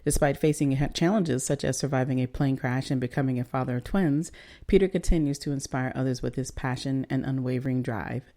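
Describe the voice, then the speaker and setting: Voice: mid-range voice, a little fast, dark tone. A podcast host who reads a scripted introduction and then asks chatty interview questions. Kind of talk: interview hosting.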